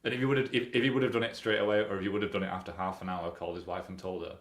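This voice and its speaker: A man co-hosting a podcast, chatting casually about a film, quick and laughing often. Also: low voice, little pitch movement. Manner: quick, laughing, acts out quotes. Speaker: podcast co-host. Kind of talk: casual film review chat. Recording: echoey room.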